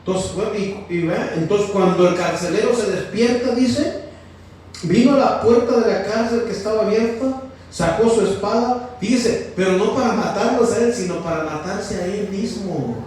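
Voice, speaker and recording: A high-voiced man preaches a sermon in a church hall, constantly quizzing his listeners and repeating "fíjese". He is heard from far off, with heavy echo and faint ambient noise. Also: normal speed, darkish tone. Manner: questioning the congregation, repeating "fíjese". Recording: very echoey, from far off.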